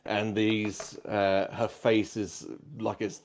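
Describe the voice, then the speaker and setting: A man's voice: lowish voice, flat delivery, takes it slowly, slight background noise. A man narrating a tabletop game as game master, descriptive and a little hesitant.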